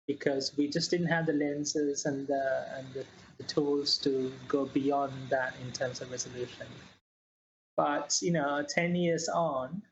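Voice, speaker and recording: A woman from Sri Lanka, a scientist guest in an interview, speaking in a measured way with many fillers and restarts. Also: a bass voice, highs cut off, a little hiss or hum. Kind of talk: interview answers.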